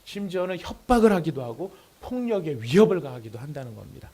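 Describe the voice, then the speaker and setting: Animated man preaching a sermon. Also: a little high, fast talker, husky. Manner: animated storytelling, acting out quotes. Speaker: pastor. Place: church sanctuary.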